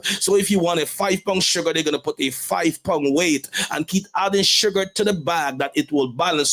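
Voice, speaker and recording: Guyanese pastor, emphatic preaching cadence. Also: male voice, a little high, a bit bright. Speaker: pastor and motivational speaker. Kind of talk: motivational talk show.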